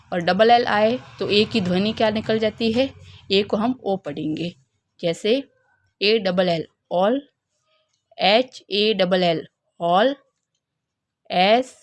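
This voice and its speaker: A woman teaching a phonics lesson, spelling out letters slowly and asking questions back. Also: medium pitch.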